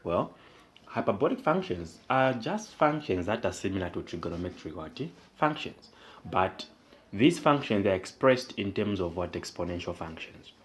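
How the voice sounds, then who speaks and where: A man's voice: low voice, big pitch swings. A man tutoring math, explaining step by step and asking himself questions that he then answers. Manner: asks and answers his own questions; slow, repetitive, deliberate explanation. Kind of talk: whiteboard math lesson.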